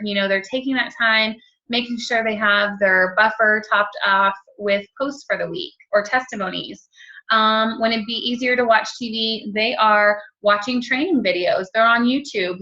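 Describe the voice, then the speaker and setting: A woman in her thirties talking fast and casually at home about motivation, with lots of ums and you-knows. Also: fairly high pitch, sharp tone. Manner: quick, chatty, many ums and you-knows. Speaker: network marketing team leader. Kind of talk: casual motivational talk to camera. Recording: dull lo-fi home recording.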